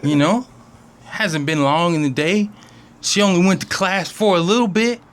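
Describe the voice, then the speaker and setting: A man casually telling a comic story to a friend, animated and slangy, often breaking into laughter. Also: high-pitched, normal speed.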